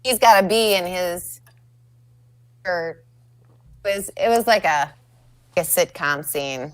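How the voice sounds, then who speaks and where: A woman's voice: fairly low pitch, animated, slow pace, dry recording. A young woman, a guest on a live stream, chatting casually and telling stories with frequent laughter. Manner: chatty, laughs often, storytelling. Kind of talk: casual chat. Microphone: video call.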